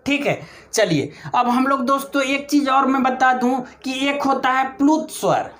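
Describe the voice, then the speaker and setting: A high-pitched woman gives an exam-prep grammar lesson to an online class. She repeats each key term and stretches out example sounds slowly, and she keeps calling her viewers friends. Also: expressive, fairly bright tone. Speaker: online teacher.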